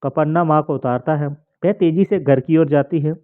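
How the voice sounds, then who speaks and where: A man's voice: fairly high pitch, moderate pace. A man reading a play aloud, plainly reading out the stage directions. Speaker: reader. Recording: tinny phone-like sound.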